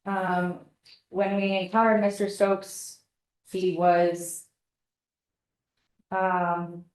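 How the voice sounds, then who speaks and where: A woman gives testimony in a courtroom recording, polite and measured in her answers. Her voice sits a little low with a flat, even delivery, and the room adds a clear echo. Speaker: paramedic witness testifying. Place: courtroom witness stand. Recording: echoey courtroom audio.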